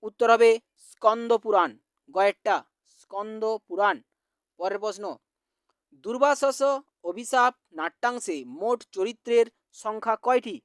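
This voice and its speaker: A teacher from West Bengal slowly reading out exam quiz answers, repeating each question. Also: mid-range voice, clean tone, no room sound, clean studio sound.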